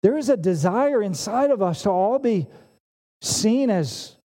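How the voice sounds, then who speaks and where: Animated preacher in a reverberant hall. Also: male voice, high-pitched, unhurried. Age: 40s. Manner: animated and emphatic, with frequent restarts. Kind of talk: sermon.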